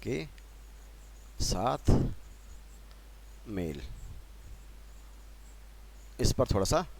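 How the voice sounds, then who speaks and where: A man's voice: lowish voice, very animated, very slow, vocal fry. A man from Uttarakhand teaching a spelling lesson at a board in a patient manner, repeating key points and putting questions to the class. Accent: Uttarakhand Hindi.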